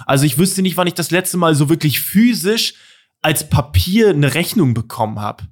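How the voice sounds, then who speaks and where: A man's voice: fairly high pitch, expressive, moderate pace. A young man co-hosting a casual chat podcast, talking emphatically about pet peeves. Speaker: podcast co-host.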